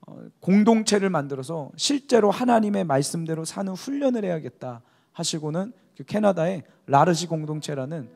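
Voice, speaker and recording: High, lively-voiced male pastor preaching. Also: normal speed, creaky. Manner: exhorting, calls for amen. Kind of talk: youth service sermon.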